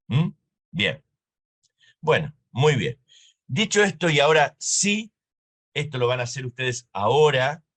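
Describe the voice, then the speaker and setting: A man's voice: mid-range voice, fairly bright tone. A man with an Argentine accent giving a recorded university lecture, explaining step by step and often checking in with his students. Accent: Argentine Spanish. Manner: didactic, checks in with "¿sí?" and "¿eh?".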